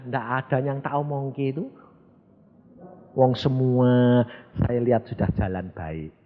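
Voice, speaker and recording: A male preacher voicing God as a calm, solemn male deity who speaks slowly and softly. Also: mid-range voice, pitched below the performer's own voice, lightly acted. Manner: slow, hushed and solemn. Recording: dull recording with long hall reverb.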